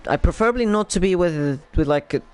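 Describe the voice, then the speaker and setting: A man's voice: sits high, expressive, fast talker, smooth. A young man with a Polish accent commentating a sim racing league qualifying session live, thinking aloud between laps and lifting sharply whenever a lap time lands. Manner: lifts sharply and speeds up on lap times, otherwise thinks aloud. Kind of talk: live esports race commentary.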